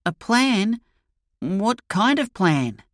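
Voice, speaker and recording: A scared teenage boy, voiced by a storybook reader, his words coming out halting and frightened. The voice jumps much higher than the reader's own, in a dry, close recording. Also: sing-song, dry recording. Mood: scared, shaken. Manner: halting, fearful.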